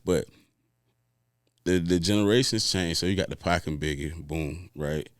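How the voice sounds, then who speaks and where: A man in his forties from Orlando, Florida, guests as a DJ in a casual interview chat, thinking aloud and restarting his sentences. His deep voice moves at normal speed, and the recording is dry and studio-clean.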